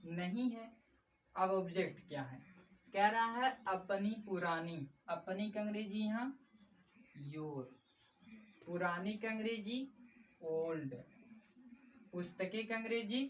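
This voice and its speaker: A woman's voice: mid-range voice, takes it slowly, pauses often. A woman teaching a grammar lesson, patiently repeating key points and calling her viewers friends. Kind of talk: explanatory classroom lesson. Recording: slightly distant mic with faint background noise.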